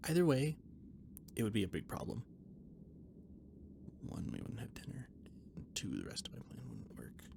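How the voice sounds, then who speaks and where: A man voices a flustered, rambling catboy who serves as a spaceship's cook and mechanic and an eager friend, in an intimate roleplay audio drama. His mid-range, creaky voice swings hugely in pitch at normal speed, with frequent pauses, hesitation, stammering, and evasiveness. Noticeable background noise and ambience are present.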